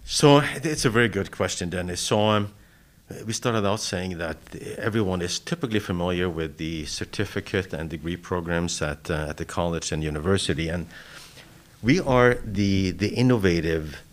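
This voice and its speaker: A man from Norway, a college vice president giving measured, explanatory answers in an interview. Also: sits low.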